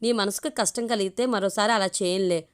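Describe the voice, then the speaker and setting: A woman's voice: medium pitch, fairly quick, smooth, lightly acted. A woman reading a young lover man. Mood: apologetic. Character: young man, ardent lover, then apologetic. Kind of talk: storybook reading.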